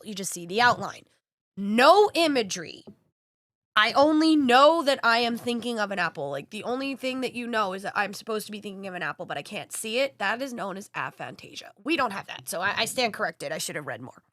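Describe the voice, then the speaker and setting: Femme co-animatrice, franche et grossière, voix claire et vive, son sec. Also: female voice, medium pitch, expressive, a little fast, fairly bright tone, dry recording, clean studio sound. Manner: blunt, swears, reads aloud. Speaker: podcast co-host. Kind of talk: casual chat.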